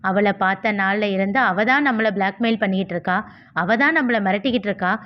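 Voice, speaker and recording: A woman's voice: medium pitch, fast, lightly acted. A woman voicing an indignant, flustered young college man, in a storybook reading. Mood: exasperated. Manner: indignant, exasperated. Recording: slightly dull lo-fi recording.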